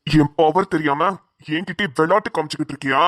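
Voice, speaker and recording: A woman's voice: low-pitched, quick pace, dry recording, studio quality. A woman voicing a cruel bald male kidnapper in a cartoon, menacing and taunting. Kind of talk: cartoon voice acting.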